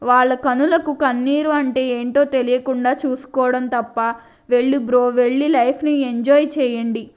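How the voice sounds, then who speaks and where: A woman's voice: high-pitched, steady tone, moderate pace, darkish tone, smooth, dull audio, close to an everyday voice. A woman reading a caring young doctor husband. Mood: earnest advice.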